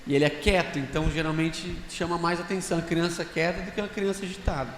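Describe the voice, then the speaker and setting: A man's voice: fairly high pitch, steady tone, fast, slight background noise. A man speaking on a church conference panel in a casual talk style, telling stories and asking the audience rhetorical questions. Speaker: conference panelist sharing reflections. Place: large church hall. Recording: echoey hall with long reverb, faint ambience.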